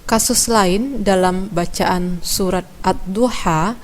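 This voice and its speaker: A woman teaching Quran recitation from Indonesia, explaining letter sounds slowly and demonstrating them. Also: medium pitch, a little hiss or hum. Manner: slow, measured, demonstrating sounds. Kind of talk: instructional explanation.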